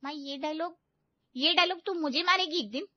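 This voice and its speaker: A woman's voice: high voice, moderate pace, dry recording, pitched above the performer's own voice, close to an everyday voice. A woman voicing a put-upon young married daughter who whines about housework. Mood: whining. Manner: whiny, complaining. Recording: dull dry lo-fi recording.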